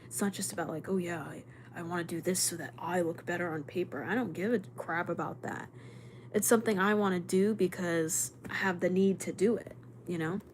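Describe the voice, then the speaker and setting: A young adult woman hosting a casual livestream, talking fast and rambling with lots of fillers as she chats with viewers. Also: on the low side, steady tone, slight background noise. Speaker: livestream host.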